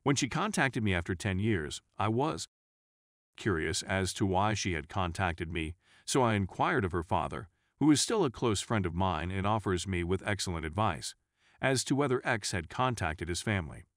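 A man reading out a first-person forum story as scripted narration, at an even reading pace. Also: deep voice, normal speed, no room sound, studio quality.

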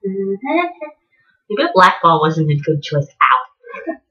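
A woman's voice: mid-range voice, sing-song, slow, fairly bright tone, lo-fi sound. A woman in her twenties chatting casually and exclaiming to viewers as she narrates a task, her speech slightly impeded by a tongue piercing. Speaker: vlogger. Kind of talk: casual vlog chat, talking to viewers while doing a task. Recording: echoey small hard-walled room.

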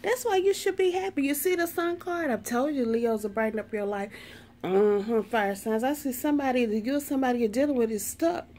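A woman's voice: sits high, brisk, a little mellow. A woman doing a sassy, profane tarot reading in a brash, sarcastic way, swearing constantly. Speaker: tarot reader.

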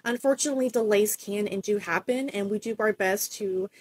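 A woman's voice: medium pitch, a little fast, darkish tone, breathy edge, dry recording, close to an everyday voice. A young woman playing a polite customer service phone agent in a comedy skit, with scripted, apologetic phrasing. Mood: apologetic, patient. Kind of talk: comedy skit role-play.

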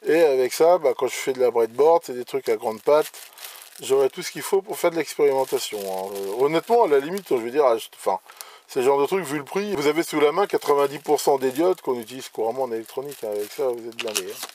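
A man's voice: medium pitch, lively intonation, fast, a little mellow, a little hiss or hum. A man casually presenting electronics gear he bought, hesitant, with many restarts and fillers. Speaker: electronics hobbyist presenting purchases. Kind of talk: casual show-and-tell.

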